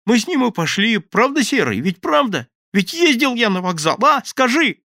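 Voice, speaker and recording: A man's voice: a little high, very animated, normal speed, creaky, a bit bright, no room sound, clean studio sound, pitched above the performer's own voice, heavily acted. Man putting on a terrified babbling thief. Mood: pleading. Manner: frantic, babbling, begging. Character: terrified pleading petty thief, adult man.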